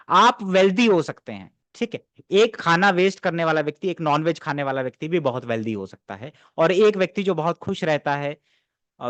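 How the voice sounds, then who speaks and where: Emphatic man lecturing, fairly high. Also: dry recording. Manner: emphatic, corrective, asks rhetorical questions. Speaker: astrology teacher. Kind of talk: explanatory lecture.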